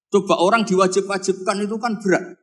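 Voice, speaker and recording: A man with a Javanese accent giving a relaxed religious lecture, teasing his audience and quoting Arabic verses. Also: sits high, brisk. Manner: jokey, teasing the audience, mixing in Arabic quotes. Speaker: Islamic preacher. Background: audience laughter.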